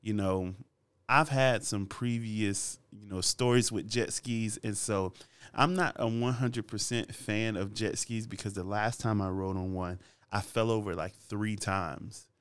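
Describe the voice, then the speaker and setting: A man with a low, smooth and resonant voice, hosting a relaxed faith-based podcast. He tells stories at an easy, drawn-out pace and laughs often along the way. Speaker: podcast host.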